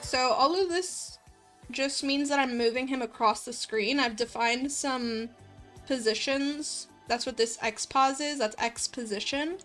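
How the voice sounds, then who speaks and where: A livestream host who writes visual novels chats casually while coding and reading viewer comments, with background music playing. Her high-pitched, fairly bright voice is unhurried, and she comes across as informal, rambling, self-conscious and giggly, muttering as she works.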